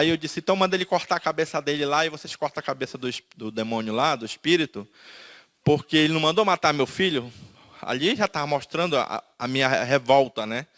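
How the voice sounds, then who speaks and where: A man's voice: fairly high pitch, fairly bright tone. Brazilian man giving a spoken testimony. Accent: Brazilian Portuguese, Manaus. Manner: storytelling, acts out quoted dialogue. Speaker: testimony speaker. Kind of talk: emotional personal testimony.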